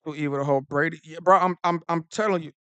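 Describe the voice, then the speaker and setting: A man hosting a casual live stream, talking fast and excitedly, repeating himself and using slang. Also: fairly high pitch, smooth, no room sound. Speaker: football streamer host.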